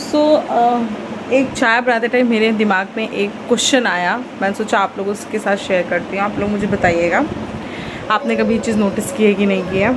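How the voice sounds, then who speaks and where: A woman's voice: medium pitch, fairly even intonation, normal speed, noisy background. A young woman chatting casually in a home vlog, talking to her viewers and asking them questions. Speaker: vlogger.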